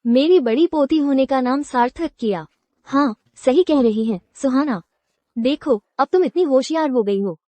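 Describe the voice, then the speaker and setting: A high-pitched old village grandmother, voiced by a woman, gushing with pride and doting on her family. Her tone is mellow and soft-edged, and the recording is dry with no room sound. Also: normal speed, dry recording, lightly acted. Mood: proud. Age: older. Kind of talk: dubbed drama acting.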